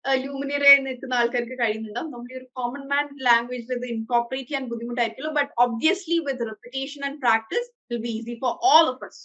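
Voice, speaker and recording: A woman's voice: sits high, fairly even intonation, normal speed, hardly any pauses, bright, forceful tone, lo-fi sound. A woman with a Malayali accent teaching an English class over a video call, switching between English and Malayalam and praising her students often.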